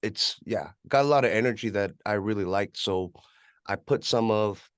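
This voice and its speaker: In a lowish voice at a moderate pace, a male rapper and music producer from California sits in as an interview guest. His talk is casual and laid-back, full of "you know," in a West Coast American accent. The recording is clean studio sound without echo.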